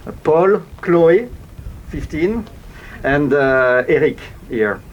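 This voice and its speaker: A man with a French accent leads a commemoration as master of ceremonies, speaking in a measured, formal way. His voice sits a little high and carries through a public address microphone in the open air, with a light hiss behind it. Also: expressive, dull audio. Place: outdoors at a monument.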